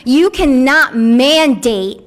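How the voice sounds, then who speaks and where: A woman's voice: high voice, expressive, slow. A woman giving impassioned protest talk in an insistent, emphatic manner. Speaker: anti-mask protester.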